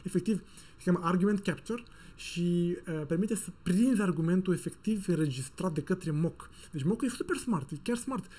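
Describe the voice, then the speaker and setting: Man, tech speaker on a video call, mellow husky voice, jokey and animated. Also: sits high. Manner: animated and joking, with playful sound effects and slang. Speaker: software conference speaker. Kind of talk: casual technical talk to an online audience.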